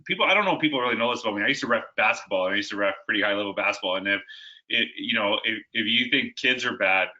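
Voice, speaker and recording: A man's voice: fairly low pitch, very fast, sharp tone, lo-fi sound. A man who is a guest educator, telling stories in a conversational interview, often restarting his sentences.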